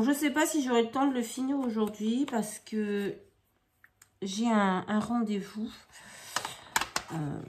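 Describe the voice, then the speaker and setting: A woman's voice: medium pitch, a little mellow. A woman chatting casually as she demonstrates scrapbooking at her craft table at home, improvising and often hesitating. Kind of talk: casual craft tutorial chat.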